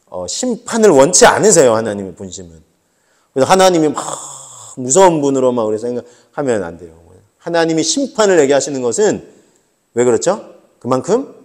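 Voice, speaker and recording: A man preaching a Sunday sermon as pastor, talking conversationally with emphatic rises and soft asides, illustrating with everyday family stories. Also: a little high. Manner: illustrates with homely family anecdotes and quoted dialogue.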